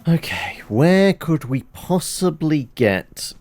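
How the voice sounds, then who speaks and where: A man hosting a let's play mutters his way through his inventory, rambling and correcting himself over game music. His voice is fairly high and darkish in tone, very animated yet slow.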